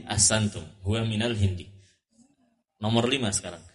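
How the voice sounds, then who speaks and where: A man's voice: lowish voice, moderate pace. A man teaching an Arabic lesson, patiently repeating and correcting each student's answer. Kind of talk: classroom drill lesson.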